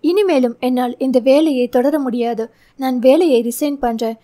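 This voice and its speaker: A woman's voice: sits high, measured pace, dark tone. A woman reading the part of a hurt, lovesick young office worker who pleads and pours out her feelings. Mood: upset. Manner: pleading, emotional.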